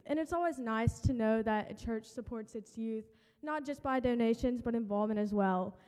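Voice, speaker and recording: Young female, high-pitched, youth group speaker reading a prepared church testimonial, reverberant hall. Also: mellow. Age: teens to young adult. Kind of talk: prepared short speech to a congregation. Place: large church room.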